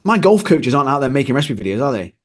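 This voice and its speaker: Man, sarcastic rant, lively swooping pitch, mid-range voice, casual podcast chat. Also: very fast. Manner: ranting, sarcastic. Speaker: podcast co-host, fitness coach.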